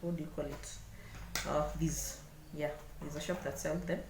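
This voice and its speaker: A woman with a Kenyan accent giving an unscripted hands-on craft demonstration, speaking haltingly and repeating words as she works. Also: low-pitched, fairly even intonation. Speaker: craft tutorial host. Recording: echoey room, clear background noise.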